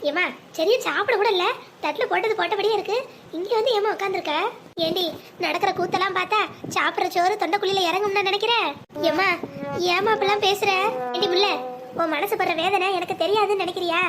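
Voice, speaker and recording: A woman voicing a devoted widowed mother in an animated family drama, tender and coaxing toward her daughter. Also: extremely high pitch, a little hiss or hum. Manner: tender, coaxing, calling endearments.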